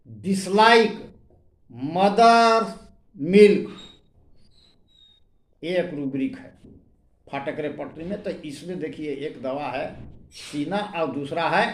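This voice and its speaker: A man teaches homeopathy at an unhurried, deliberate pace. His voice sits somewhat high, and he stresses each repertory term as he reads it out. The sound carries a noticeable echo from the room. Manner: reads out repertory rubrics word by word, stressing them. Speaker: homeopathy doctor. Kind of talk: explanatory medical lesson.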